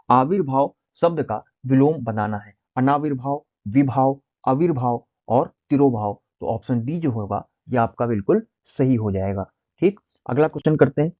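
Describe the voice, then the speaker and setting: A man's voice: medium pitch, dark tone, lo-fi sound. A man teaching an exam-prep language lesson, reading out answer options one by one and then explaining which is correct.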